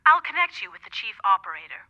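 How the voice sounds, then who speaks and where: A woman's voice: medium pitch, sing-song, quick pace. A woman playing a polite, unflappable telephone operator in a radio play, with formulaic sing-song courtesy through a phone filter. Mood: polite, detached. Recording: dull, tinny telephone effect.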